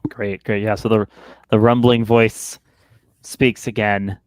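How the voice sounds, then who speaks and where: Low-voiced, halting man running a game. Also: level tone, no room sound. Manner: halting, repeats words. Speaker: game master. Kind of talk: narrating a tabletop role-playing game.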